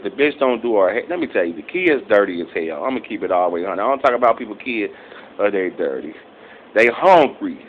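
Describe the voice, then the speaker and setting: A middle-aged man ranting casually into his phone camera, profane and rambling, with loud outbursts and low mutters. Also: a little hiss or hum. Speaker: vlogger. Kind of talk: casual angry rant to camera. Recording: slightly dull phone recording.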